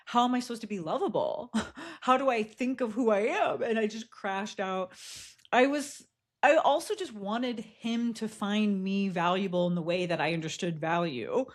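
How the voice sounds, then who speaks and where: A woman's voice: mid-range voice, normal speed. A woman co-hosting a podcast, telling a personal story in a candid, reflective way, with frequent laughs and fillers. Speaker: podcast co-host. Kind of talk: casual chat, personal storytelling.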